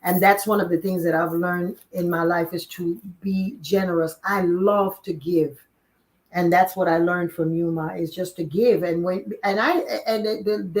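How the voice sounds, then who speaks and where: An older woman from Panama interviewing her mother, warmly encouraging her and filling in and rephrasing her answers. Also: on the low side, moderate pace, rough recording. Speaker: interviewer, daughter. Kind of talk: casual family interview.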